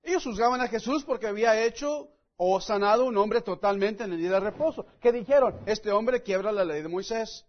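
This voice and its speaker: A man's voice: sits high, brisk, hardly any pauses, lo-fi sound. A man preaching a sermon and reading scripture aloud, earnest and emphatic, often calling his listeners friends. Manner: emphatic, stresses key words.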